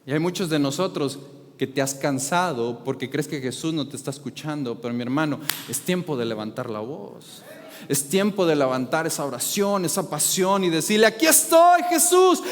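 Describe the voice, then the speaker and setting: A man preaching a sermon as pastor, impassioned and rising to shouts when he pleads, with frequent rhetorical questions to the congregation. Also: high voice. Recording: reverberant hall with faint music.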